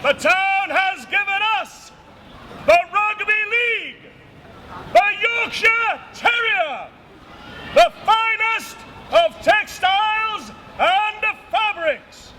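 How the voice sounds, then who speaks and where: A man delivering a loud, declamatory town crier's proclamation in slow, ceremonial phrases at an outdoor competition. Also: extremely high pitch, lively intonation. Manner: declamatory, shouted, drawn-out phrasing. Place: outdoor public space in a town. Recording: noisy outdoor street recording.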